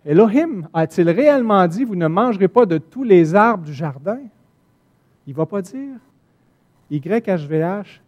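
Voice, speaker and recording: Quebec french guy preaching a sermon, kinda high voice but warm, gets loud and punchy on his points. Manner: animated, swings from soft asides to loud emphatic points. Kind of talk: sermon teaching from the Bible.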